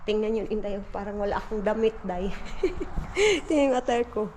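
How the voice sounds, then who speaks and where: A woman's voice: mid-range voice, normal speed, a little mellow, a little hiss or hum. A woman with a Filipino accent, chatting casually to her viewers at home and cooing at a small child. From Philippines. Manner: chatty, calls viewers "Day", coos baby talk. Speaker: family vlogger. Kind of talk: casual vlog chat. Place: home, indoors.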